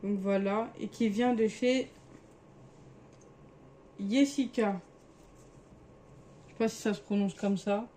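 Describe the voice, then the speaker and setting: A woman's voice: medium pitch, steady tone, takes it slowly, long pauses, warm tone, a little hiss or hum. A young woman casually showing her clothes in a vlog, chatty and sometimes hesitant as she searches for words. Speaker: vlogger.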